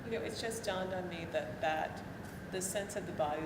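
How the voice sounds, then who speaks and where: Woman with a very low voice, probing and thinking aloud, echoey gallery, loud background noise. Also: normal speed. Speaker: scholar interviewing an artist. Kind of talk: gallery conversation. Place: large art gallery.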